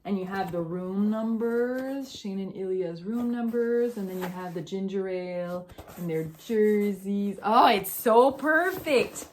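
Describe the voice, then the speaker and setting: A woman's voice: medium pitch, measured pace, warm tone, slight background noise. A young woman hosting a casual knitting podcast, chatty and gushing, tired after a morning run. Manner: chatty and gushing, with fillers and restarts. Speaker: podcast host.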